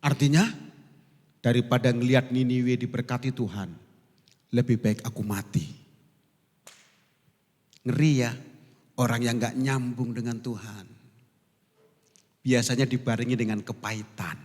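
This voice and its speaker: A man preaching as pastor, telling the story in a lively, joking way and acting out the voices in it. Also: mid-range voice, a little slow, long pauses. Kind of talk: sermon. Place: large church hall. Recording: long church hall reverb.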